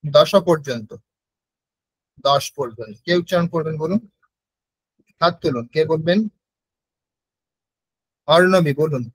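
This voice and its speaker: A man's voice: fairly high pitch, husky, no room sound, rough recording. Patient Bengali-accented man teaching online. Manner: patient, repeats words slowly for students to copy. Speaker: Sanskrit teacher. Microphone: video call.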